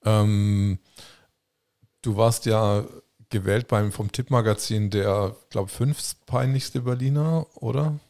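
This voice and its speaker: Gravelly, low-voiced male interviewer. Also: takes it slowly, warm tone. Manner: casual, probing questions. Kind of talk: casual interview.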